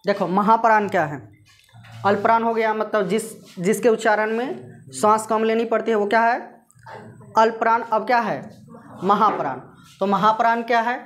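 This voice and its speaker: A woman's voice: a little high, normal speed. A woman teacher giving a grammar lesson, asking questions and answering them herself while she repeats the key terms.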